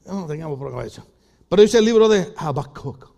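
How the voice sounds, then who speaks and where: Puerto Rican pastor, older man, animated comic sermon, bright high voice full of swings. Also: fast, vocal fry, muffled recording. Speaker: preacher. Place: church.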